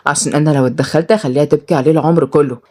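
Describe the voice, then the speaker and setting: A woman voicing a gruff, threatening young male neighborhood boss with an Egyptian accent. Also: deep voice, fairly even intonation, rapid-fire, mellow, voice pushed down. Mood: stern. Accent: Egyptian Arabic. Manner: threatening, curt, commanding.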